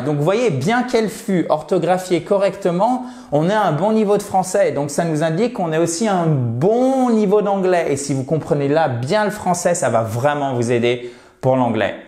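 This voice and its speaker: A man's voice: fairly high pitch, a little mellow. French-speaking man teaching English, echoey room. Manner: patient, repeats English words slowly to drill pronunciation. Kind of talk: video lesson at a whiteboard.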